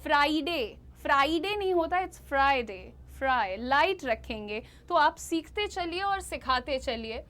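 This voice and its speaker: An Indian woman, a young adult, teaching English pronunciation in Hindi and stretching out each model word slowly. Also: high voice, expressive, a bit bright. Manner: slow, drawn-out model words. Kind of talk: pronunciation lesson.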